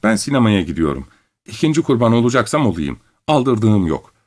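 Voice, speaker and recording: A man voicing a calm, sober 37-year-old unmarried woman in an audiobook, talking in a steady, reasoning way. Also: fairly low pitch, fairly quick. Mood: calm, dismissive. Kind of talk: audiobook character reading.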